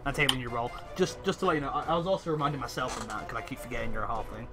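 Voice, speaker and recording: A man's voice: mid-range voice, racing, over music. A man running a tabletop game as game master, narrating the action in a hesitant, apologetic way, full of fillers and restarts.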